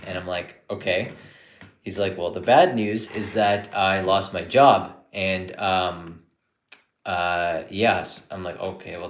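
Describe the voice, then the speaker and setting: A man in his thirties, born in India and raised in Canada, chatting casually on a live stream as a psychiatrist answering viewer questions, relaxed and rambling with frequent restarts. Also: low voice, reverberant, slight background noise. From born in India, grew up in Canada.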